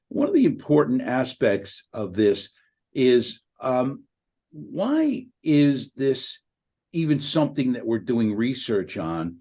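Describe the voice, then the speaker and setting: A man's voice: lowish voice, warm tone. A man hosting an interview, asking long questions with many fillers.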